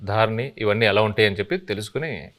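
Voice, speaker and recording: A film director answering interview questions, explaining at an easy pace and laughing lightly now and then. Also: male voice, on the low side, fast talker, a bit bright.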